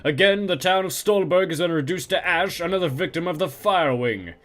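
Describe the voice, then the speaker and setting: A man's voice: fairly high pitch, lively intonation, fairly quick, a bit bright, faint music behind. A man voicing a male TV news reporter, delivering each line in a punchy newscaster style. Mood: urgent.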